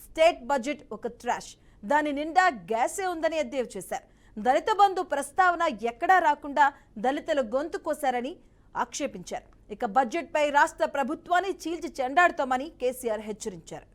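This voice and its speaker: A woman news anchor reading a scripted report in a crisp, formal tone. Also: high-pitched, lively intonation, fairly quick.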